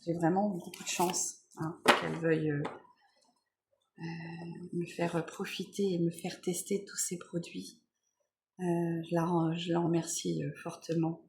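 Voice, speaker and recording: A woman vlogger chatting casually while unboxing beauty products, relaxed, with many fillers and self-corrections. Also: lowish voice, unhurried, slight background noise.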